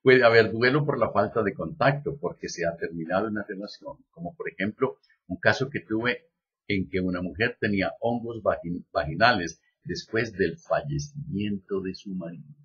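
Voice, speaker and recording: A man giving a lecture, reading a text aloud at an even pace and adding slow joking asides. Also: low voice, slightly rough, lo-fi sound. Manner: reads steadily, then drops in slow joking asides. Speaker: lecturer on biodecoding.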